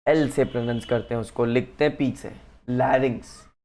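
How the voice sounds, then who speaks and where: A man's voice: mid-range voice, fairly even intonation, a little fast, dark tone. A man teaching science one-on-one, explaining patiently and mixing in English phrases. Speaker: science tutor. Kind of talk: one-on-one lesson.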